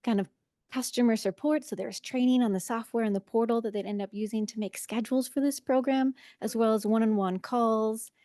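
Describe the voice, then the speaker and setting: A woman's voice: fairly high pitch, fairly even intonation, a little fast, dark tone, no echo, clean studio sound. A woman giving a conference presentation, sounding nervous and self-conscious as a first-time presenter.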